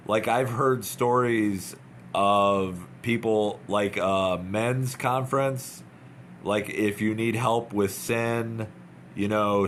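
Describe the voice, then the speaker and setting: Slow, earnest man urging, low voice. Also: slight background noise. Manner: earnest, urging, repetitive, halting. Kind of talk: informal devotional talk, unscripted.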